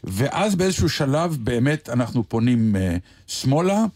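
A man hosting a radio show, telling a story in casual chat with hesitant pauses. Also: medium pitch, big pitch swings, a little mellow. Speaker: radio host.

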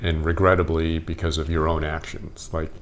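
A man's voice: extremely low pitch, little pitch movement, normal speed, a little hiss or hum. A man interviewing a guest in a casual, conversational style.

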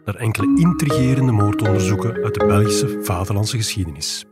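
A man's voice: fairly low pitch, brisk, loud music behind the voice. A man, an editor, co-hosting a podcast and steering the talk with questions. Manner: asks guiding questions. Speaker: editor co-host. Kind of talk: podcast conversation.

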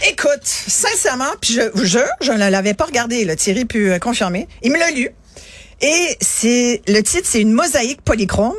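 A woman from Quebec with a Québécois accent, hosting a casual radio chat in an animated, exclamatory way. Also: fairly high pitch. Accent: Québécois French. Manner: animated, exclamatory, quick asides. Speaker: radio host.

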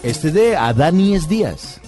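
A man's voice: on the high side, very animated, unhurried, a little mellow, faint music behind. A man, a guest actor chatting casually on a radio show and telling stories in a laid-back, joking way.

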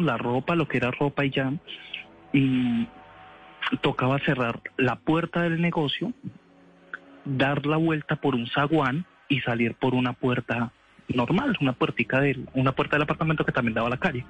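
A man's voice: medium pitch, low-quality recording. Rambling man telling a story. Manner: rambling, with frequent restarts and slangy asides. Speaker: interviewee. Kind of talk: casual storytelling.

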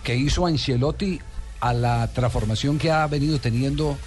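A man's voice: medium pitch, moderate pace, darkish tone, faint music behind. A man with a Colombian accent hosting a sports radio show with chat and time checks. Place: radio studio.

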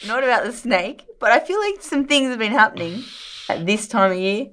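A woman co-hosting a science podcast, giggly and animated in casual chat. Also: a little high, brisk. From grew up on a farm. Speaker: podcast co-host.

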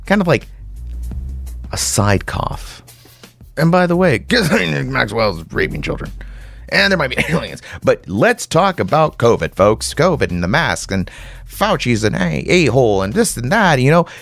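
A man delivering an impassioned, sarcastic monologue to listeners like a conspiratorial late-night rant, with rhetorical questions, repetition and dramatic pauses. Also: medium pitch, sing-song, creaky, fairly bright tone, faint music behind. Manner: dramatic pauses and repeated phrases. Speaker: commentator host.

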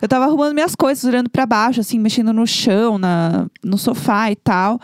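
A woman tells a story on a casual podcast, animated and dramatic. Her voice sits a little high. The sound is dry and close, with no room around it. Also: a little fast, clear, resonant tone, no room sound. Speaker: podcast co-host.

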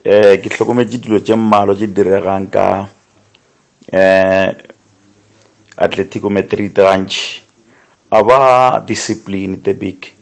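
A man with a South African Sotho accent giving casual football opinions as a radio caller, deliberate and pausing between phrases. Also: fairly low pitch, steady tone, gravelly, darkish tone. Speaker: radio sports show caller.

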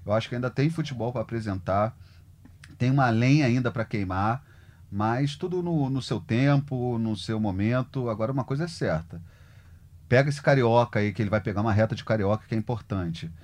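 A man talking football in an animated, emphatic, colloquial way as a sports journalist. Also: medium pitch, fairly quick. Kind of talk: casual sports discussion.

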